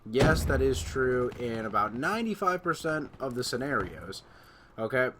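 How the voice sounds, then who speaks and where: A male gaming YouTuber talks through his gameplay in a loose, rambling way, padding his points with fillers and now and then raising his voice. Gunfire and game callouts sound clearly behind him. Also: mid-range voice, lively intonation, moderate pace, noisy background. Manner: rambling, filler-heavy, loud at times. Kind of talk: casual gameplay commentary.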